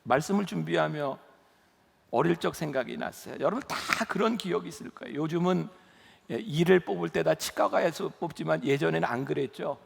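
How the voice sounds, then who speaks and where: A man's voice: on the high side, fairly quick, gravelly, slightly rough. A middle-aged man preaching a sermon as pastor, telling stories and rising to emphatic pleas. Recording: long reverb of a church hall.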